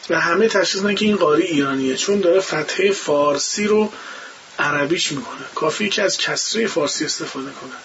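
A man's voice: a little high, a bit bright, dull audio. A man who teaches Quran recitation, explaining pronunciation in an interview and acting out the sounds himself. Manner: demonstrates pronunciations by imitating sounds.

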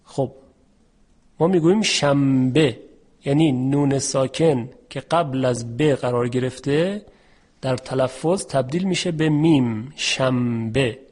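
A man teaching a Quran recitation lesson, explaining rules patiently and drawing out example words slowly. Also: mid-range voice, mellow, slightly rough. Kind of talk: tajweed lesson.

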